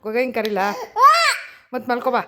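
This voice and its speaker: Young mother coaxing a baby, loud noise. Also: on the high side, steady tone, fairly quick. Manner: coaxing sing-song baby talk. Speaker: vlogger mother. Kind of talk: casual family vlog. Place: home at night. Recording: home video with loud background noise.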